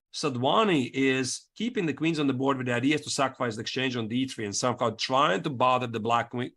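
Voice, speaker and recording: A man's voice: medium pitch, fairly bright tone. A man co-commentating on chess, thinking aloud in conversational analysis as he explains moves step by step.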